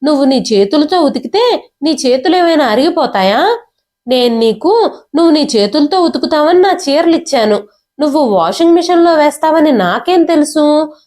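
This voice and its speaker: A woman's voice: sits high, lively intonation, normal speed, darkish tone, pitched above the performer's own voice. A woman voicing an angry, domineering young wife who harshly scolds her sister-in-law in a storybook reading. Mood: furious.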